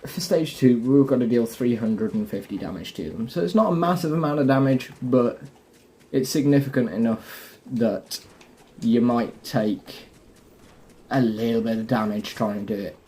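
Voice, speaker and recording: Speaking with a warm tone at medium pitch, a gaming host gives casual walkthrough commentary, talking viewers through every step.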